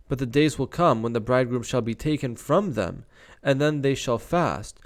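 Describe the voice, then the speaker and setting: A young man reading Bible verses aloud and breaking off to comment casually on them. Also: medium pitch. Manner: reads scripture aloud, stops to comment casually.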